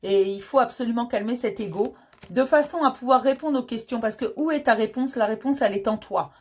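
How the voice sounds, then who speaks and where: Speaking briskly at a fairly high pitch, a woman medium gives a casual, chatty tarot reading. She offers reassurance, addresses the listener as "mon petit chéri", and often repeats herself and uses fillers.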